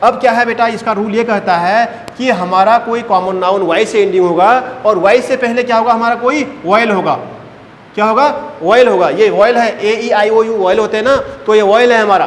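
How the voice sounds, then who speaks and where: Grammar drills fill this roomy classroom as a male teacher with a fairly high voice asks questions and answers them himself, over and over, calling the students "beta." A long reverb tail trails his words, with faint noise in the background.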